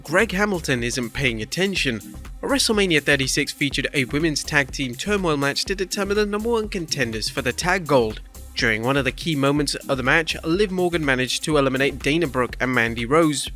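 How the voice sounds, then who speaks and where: A man's voice: a little high, sharp tone. A man reading scripted narration for a countdown video as its narrator.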